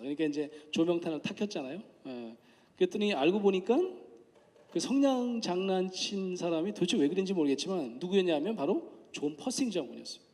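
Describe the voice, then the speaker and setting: A man's voice: on the high side, darkish tone. A man giving a public lecture as a professor. He speaks in a conversational way, asks the audience questions and acts out the voices in his anecdotes. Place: lecture hall at a forum. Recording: long hall reverb.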